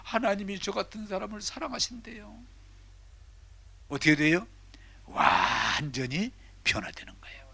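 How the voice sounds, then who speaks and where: An older pastor delivers a sermon with a bright, ringing voice in a dry, close sound. He swings dramatically from loud declarations to hushed whispers. His pitch sits a little high for a man. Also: lively intonation, a little slow, gravelly, pauses often, slightly rough, no echo.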